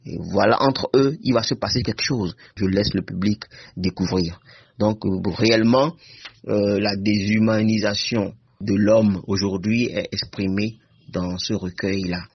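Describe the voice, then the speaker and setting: Slow husky man explaining a book. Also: fairly low pitch, steady tone, no echo. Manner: measured and explanatory. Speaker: book presenter. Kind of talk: literary discussion. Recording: dull lo-fi recording.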